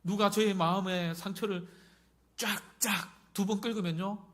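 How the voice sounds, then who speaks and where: A man's voice: high-pitched, fairly even intonation, a little slow, fairly bright tone. A middle-aged male pastor giving a conversational sermon and often putting questions to the congregation.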